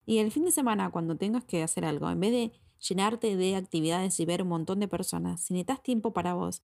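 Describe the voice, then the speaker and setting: A woman's voice: lowish voice, quick pace, vocal fry, darkish tone. A woman with an Argentine accent, a psychologist talking straight to the listener with advice and repeating words for emphasis. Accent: Argentine Spanish. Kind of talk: advice talk to camera.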